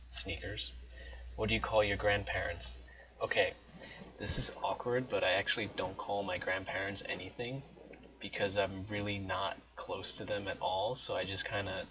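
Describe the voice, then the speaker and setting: A man's voice: lowish voice, pushed and bright, far from the mic, poor audio. A young adult American man from New Jersey chatting casually, rambling and interrupting himself, with some offhand swearing. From New Jersey, United States. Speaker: blogger recording an accent challenge.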